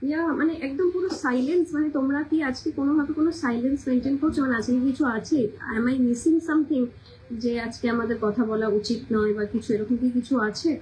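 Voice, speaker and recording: Chatty high-voiced Kolkata Bengali woman. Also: fast, darkish tone, slight background noise, low-quality recording. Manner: chatty, repeats every weight and price twice. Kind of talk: casual live-stream sales chat.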